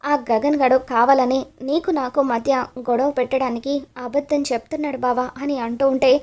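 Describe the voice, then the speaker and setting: A woman recounts the twists of a TV serial in dramatic storytelling style, tying each scene together with repeated linking phrases. Her voice is noticeably high. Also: fairly even intonation, normal speed, darkish tone. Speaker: narrator recapping a TV serial.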